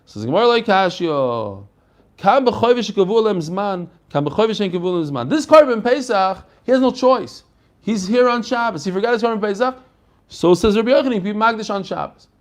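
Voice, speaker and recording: A man giving a Talmud lesson as a rabbi, explaining in animated question and answer and mixing in Hebrew and Aramaic phrases. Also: high-pitched, brisk. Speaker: rabbi teaching a daily Talmud class.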